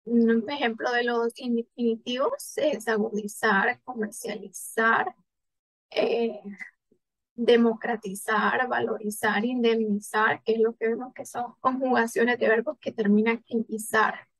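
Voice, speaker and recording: Woman student presenting grammar rules, kinda high voice, dry recording, reads word lists with pauses. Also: steady tone, dry recording, poor audio. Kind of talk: class presentation on spelling rules.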